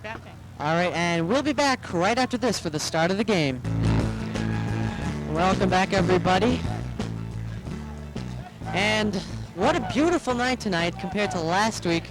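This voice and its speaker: A man co-hosting a high school football broadcast from the stadium booth, in a friendly, relaxed way. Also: measured pace, pauses often, music in the background, rough recording. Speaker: color commentator. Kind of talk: local sports broadcast commentary.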